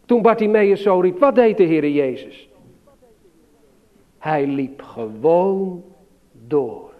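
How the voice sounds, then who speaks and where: A man giving a children's sermon, slow and emphatic, asking the listeners questions. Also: sits high, muffled recording. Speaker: preacher.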